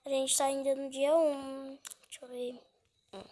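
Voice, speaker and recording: This high-pitched gaming host has a cold, and her tone stays level and warm as she talks a little slowly. Chatty and jumpy, she narrates her play casually and often lowers her voice to a whisper.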